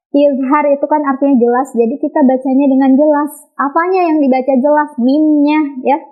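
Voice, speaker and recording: A high-pitched woman with an Indonesian accent gives a children's lesson, patiently repeating and modeling each sound. The recording is dull and lo-fi. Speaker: Quran recitation teacher.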